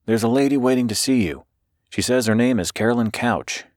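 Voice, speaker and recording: A man voicing a brisk, sharp-tongued young female secretary who answers quickly and curtly in an audiobook reading. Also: mid-range voice, no echo, clean studio sound, voice pushed up, close to an everyday voice. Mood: dry. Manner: quick and curt.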